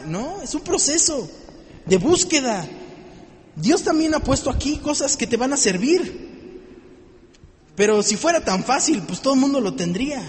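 A man preaching a lively sermon, joking and acting out little scenes for his listeners. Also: very high voice, big-room sound.

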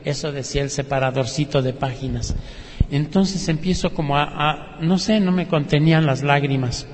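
A man's voice: on the high side, moderate pace, a little hiss or hum. Mexican man telling a story, slight reverb. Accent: Mexican Spanish. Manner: storytelling, acting out other people's words in quoted dialogue. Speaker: testimony speaker. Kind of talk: spoken religious testimony.

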